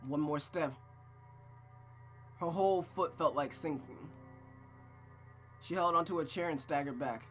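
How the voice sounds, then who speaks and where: This man, streaming a visual novel, alternates narrated reading with slangy, exclamatory, profane recap talk that repeats things for emphasis. His voice is a little high and fairly bright, a bit slow with long pauses, over faint background music.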